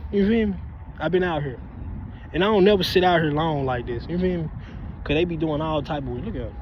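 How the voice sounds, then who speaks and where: Animated man vlogging outside. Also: high-pitched. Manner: animated, repeats tags like "you hear me". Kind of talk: casual street-side vlog. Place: outdoors, sitting outside a house by a street. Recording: slightly dull phone audio with faint street noise.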